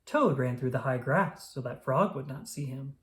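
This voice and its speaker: Reading a children's story aloud, a narrator uses an expressive, scripted read-aloud style at medium pitch and a normal speed.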